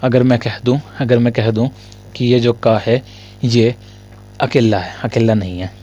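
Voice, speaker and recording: A male Hindi grammar teacher in a casual lesson. He asks his students questions, answers them himself, and often coughs and clears his throat. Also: mid-range voice, steady tone, a little slow, dark tone.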